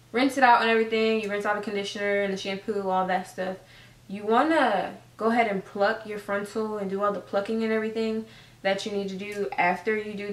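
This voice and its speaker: Casual female vlogger, slangy and talkative, recorded on a distant camera in an echoey room. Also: mid-range voice. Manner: chatty, loose, lots of fillers and slang. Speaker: hair tutorial vlogger. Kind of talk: casual how-to vlog. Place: room at home. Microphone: camera set up at a distance. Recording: roomy, camera mic from a distance.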